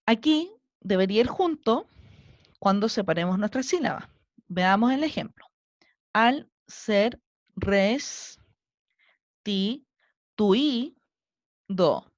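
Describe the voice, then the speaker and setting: Slow, patient woman teaching a class. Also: mid-range voice, dry recording, dull audio. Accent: Chilean Spanish. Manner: slow, patient, counting syllables aloud step by step. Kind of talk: recorded online class lesson.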